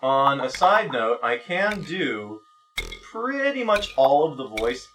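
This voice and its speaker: Very animated but slow, a medium-pitched, slightly bright voice comes through a distant, poor-quality recording with music in the background. The let's player rambles casually, profanely and self-deprecatingly, exclaiming at the game mid-sentence.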